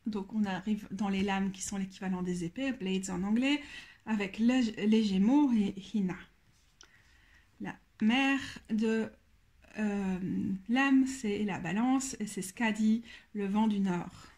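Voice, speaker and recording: A woman's voice: mid-range voice, a little mellow. Hesitant, thoughtful woman reviewer. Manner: thoughtful, hesitant, often pauses to search for words. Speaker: tarot deck reviewer. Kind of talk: casual walkthrough of a card deck.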